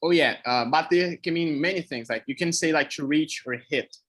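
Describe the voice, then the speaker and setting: Speaking at a moderate pace in a fairly bright voice on the higher side, this young co-host teaches expressions in a relaxed English chat. Brazilian Portuguese is his native tongue, and his Brazilian accent shows as he reasons out loud and searches for the right words.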